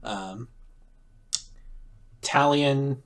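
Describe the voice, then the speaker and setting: A man's voice: mid-range voice, extremely slow. A man narrating as game master in a loose, casual way, with many fillers.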